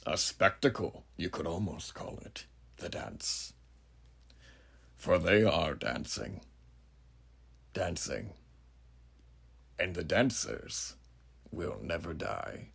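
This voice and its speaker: A man playing a huge, ageless, sinister judge who muses grandly and theatrically in a horror monologue, with a gravelly, breathy voice and rhetorical questions to the listener. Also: low voice, lively intonation, takes it slowly, long pauses, a bit bright, full character voice. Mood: ominous philosophizing. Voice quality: gravelly, husky, breathy at phrase ends. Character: huge ageless sinister philosophizing judge, menacing male drifter.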